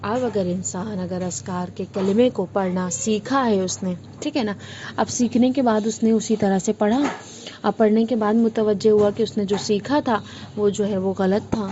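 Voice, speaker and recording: A woman teaching an online religious lesson in a clear explanatory way, often asking a question and then answering it herself. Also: medium pitch, steady tone. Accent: Indian Urdu. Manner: explanatory, asks and answers her own questions. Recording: dull lo-fi with faint noise.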